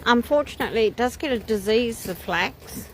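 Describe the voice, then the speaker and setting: A woman with an expressive, somewhat high and slightly bright voice narrates a nature walk at a moderate pace. As the vlogger leading the group along a wooded trail, she offers casual, thoughtful remarks and exclamations of wonder, with birdsong and outdoor ambience around her.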